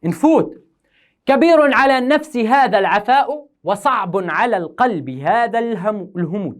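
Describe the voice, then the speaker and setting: A man's voice: sits high, lively intonation, normal speed. A male teacher who gives a lesson patiently, step by step, counting syllables aloud. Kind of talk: recorded lesson on poetic meter.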